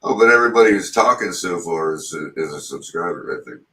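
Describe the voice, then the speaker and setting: A man's voice: low-pitched, animated, quick pace, pushed and bright. A man hosting a livestream, chatting casually in an easygoing, laid-back way. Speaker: livestream host. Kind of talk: casual chat.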